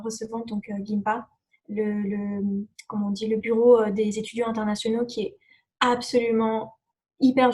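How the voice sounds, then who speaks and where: Her voice is a little high and darkish. A young woman and native English speaker, she's a guest on the show as an exchange student, fielding interview questions informally with plenty of false starts and filler words.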